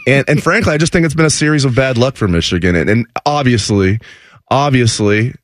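A man's voice: medium pitch, lively intonation, brisk, no echo. A man co-hosting a casual sports betting chat, joking in a sarcastic, mock-serious way. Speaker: co-host.

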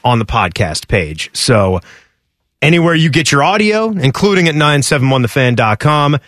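A man's voice: mid-range voice, big pitch swings, moderate pace, a bit bright, no echo. A man hosting a casual sports radio show in a studio, rambling and correcting himself as he thinks aloud. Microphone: studio broadcast mic.

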